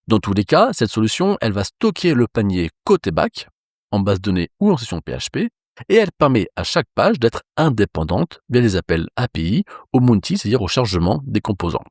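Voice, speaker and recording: A man from France teaching a coding lesson in a relaxed, reassuring way with casual fillers. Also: on the low side, fairly quick, no echo, studio quality. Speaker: programming instructor.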